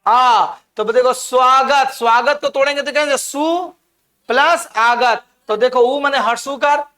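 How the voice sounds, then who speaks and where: A man's voice: very high voice, pushed and bright. A man teaching grammar in a classroom-style lecture, explaining step by step and constantly asking the students questions.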